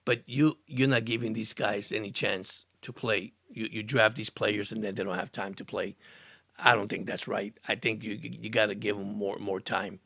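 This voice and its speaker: Speaking at a moderate pace, the roughly sixty-year-old host, from Cuba but raised in Miami, chats through a casual sports live stream and takes viewer comments, earnest and rambling, with repeated words and restarts. His fairly low voice is gravelly, bright, and forceful with fairly even intonation, captured on a studio microphone at studio quality with no echo.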